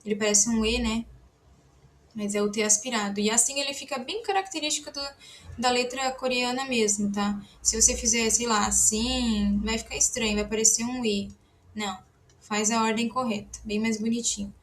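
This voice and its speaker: A woman teaching a language lesson, patiently writing letters and drilling syllables aloud with strong breathy aspiration. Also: fairly high pitch, moderate pace, slight background noise. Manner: self-deprecating asides about her handwriting. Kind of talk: slow spoken lesson while writing.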